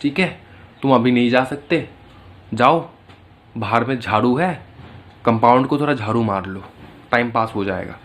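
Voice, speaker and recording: A man's voice: medium pitch, moderate pace, long pauses, fairly bright tone, close to an everyday voice. A man playing a strict father who turns down his son with stern, dismissive words.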